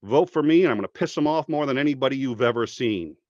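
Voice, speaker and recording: A man's voice: medium pitch, expressive, fast, a little mellow, no echo. A man making a passionate, profane argument in casual conversation, jumping into mocking voices when he quotes people. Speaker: podcast guest. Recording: dry, slightly dull podcast audio.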